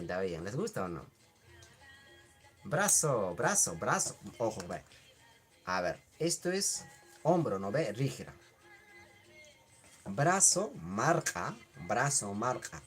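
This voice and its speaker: Man teaching Quechua words, lively pitch. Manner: repeats words slowly, answers chat questions. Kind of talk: casual live online class.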